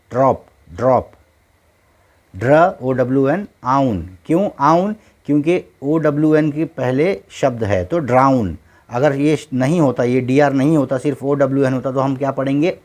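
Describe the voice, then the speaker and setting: A man teaches phonics at a very unhurried pace. He spells the letters out one by one and then says the whole word over and over. His voice sits at an ordinary middle pitch. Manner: slow, patient, repeats each word several times. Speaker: English teacher. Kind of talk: phonics lesson, spelling out and sounding words.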